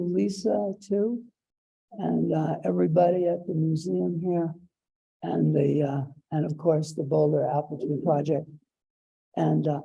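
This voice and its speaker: An older man giving an informal talk as a guest speaker, with a halting, unhurried, off-the-cuff delivery. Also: fairly high pitch, creaky, mellow, husky, rough recording. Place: museum event room with audience.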